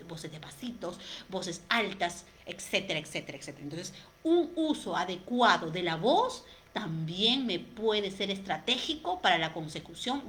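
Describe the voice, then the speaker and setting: A woman giving an expressive talk on communication, speaking straight to her listeners with rhetorical questions and dropping to a soft, quiet voice to stress a point. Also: mid-range voice, a little hiss or hum. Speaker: communication coach. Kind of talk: motivational talk to camera.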